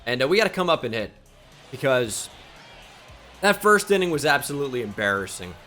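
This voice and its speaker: A young man giving live commentary on a baseball video game, quickly flipping between frustration and joking at himself. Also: mid-range voice, soft background music. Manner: excitable, swings between frustration and self-mockery. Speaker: gaming channel host.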